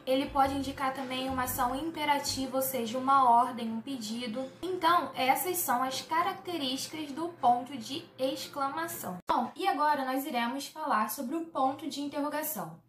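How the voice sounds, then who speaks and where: A woman's voice: high-pitched, normal speed, hardly any pauses, fairly bright tone, a little hiss or hum. A woman teacher giving a patient, explanatory online lesson and reading her examples aloud with emphasis. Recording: roomy echo, faint music.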